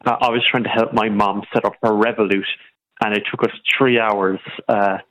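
A man's voice: fairly low pitch, fairly even intonation, normal speed, a bit bright. A man with a Kerry accent from the west of Ireland, calling a radio phone-in to give his opinion, stumbling and repeating words as he goes. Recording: dull lo-fi phone-in line.

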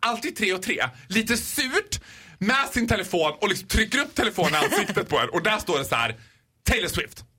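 Male guest DJ on a radio show, high and very lively voice, mimics people mid-story. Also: slightly rough. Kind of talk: animated comic storytelling.

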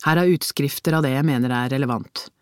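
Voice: medium pitch, smooth, dry recording, studio quality, lightly acted. A reader voicing a busy, practical police colleague in an audiobook, talking in a businesslike, matter-of-fact way. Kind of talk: audiobook character reading.

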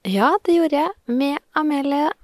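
A woman's voice: sits high, no echo, studio quality. A woman in her thirties hosting her own podcast, telling a story in a chatty, self-mocking way, recorded outdoors. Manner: chatty, self-mocking, animated retelling with laughs. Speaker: podcast host. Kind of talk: casual storytelling monologue. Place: outdoors in the sun by a shed.

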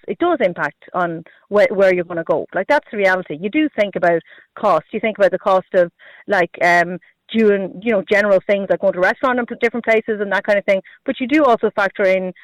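A man with a noticeably high voice and a west of Ireland accent speaks in a dry, close radio setting. He answers like a politician, hesitating, restarting and leaning on filler phrases as he makes his case. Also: dry recording, muffled recording. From Galway, Ireland. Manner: hesitant, repetitive, heavy use of "you know" and "like". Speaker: politician, party representative.

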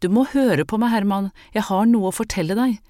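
A woman's voice: medium pitch, mellow, no echo, clean studio sound, pitched above the performer's own voice, lightly acted. A woman reading the part of a frightened young woman in an audiobook, pleading and urgent. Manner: pleading, breaking into cries and whispers.

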